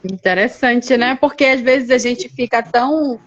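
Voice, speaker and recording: A woman's voice: fairly high pitch, a little slow, fairly bright tone, highs cut off. A woman hosting a live online interview, asking probing questions in an encouraging way. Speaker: host.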